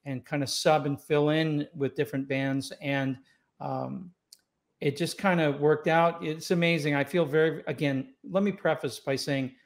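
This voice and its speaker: This saxophonist guest, a man in his sixties born in Scotland and raised in Los Angeles, speaks at a measured pace in a fairly high voice with fairly even intonation. He tells stories in an easygoing, reflective way, full of fillers and restarts, during a relaxed interview. He's on a video call using a boom-arm studio mic in a home room with wooden doors and shelves.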